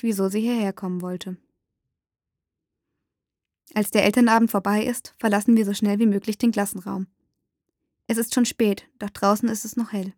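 A woman narrating a first-person story aloud, dramatic and rising to shouts in the dialogue. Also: medium pitch, no room sound, studio quality.

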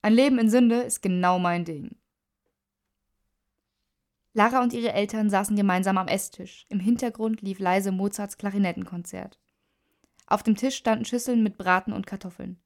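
Woman narrating a story, measured. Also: medium pitch, fairly even intonation, creaky.

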